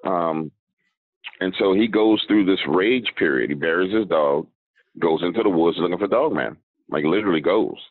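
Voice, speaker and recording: Deep-voiced man telling a story over a tinny line. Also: no room sound. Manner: unhurried storyteller, leaning on "right?" and "um". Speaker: podcast guest. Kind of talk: casual storytelling. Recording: dry tinny phone-like line.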